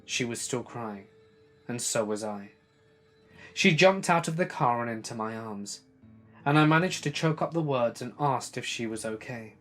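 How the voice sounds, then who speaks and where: A man narrating a first-person scary story in an earnest, steady way, over faint music. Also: medium pitch, normal speed.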